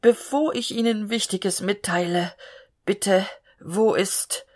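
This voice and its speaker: A woman's voice: mid-range voice, slow pace, a little mellow. A woman voicing a tired, gloomy male cab driver in a spoken storybook. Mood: uneasy. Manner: gloomy, groaning.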